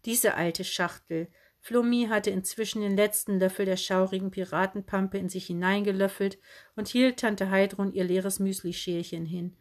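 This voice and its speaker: A woman narrating a children's book in a lively, expressive way. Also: mid-range voice, moderate pace. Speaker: audiobook narrator.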